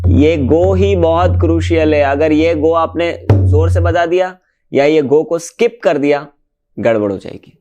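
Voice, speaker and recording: A man's voice: a little high, measured pace, mellow, dull audio, faint music behind. A man teaching mridanga, explaining technique and chanting the drum syllables in rhythm. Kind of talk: music lesson with spoken drum syllables. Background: mridanga drum playing.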